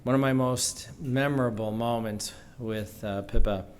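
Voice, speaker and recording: A man's voice: mid-range voice, steady tone, measured pace, a little hiss or hum. A man speaking at a school graduation, introducing the next speaker and telling an informal story with quoted dialogue. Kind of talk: ceremony speech with anecdote. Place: event hall.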